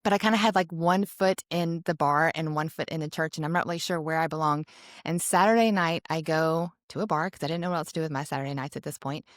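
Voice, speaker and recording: Speaking fast in a deep voice, this young woman co-hosts a podcast and shares a personal story casually, peppering it with "like" and restarts and livening up whenever she quotes herself. The studio audio is clean, with no room sound.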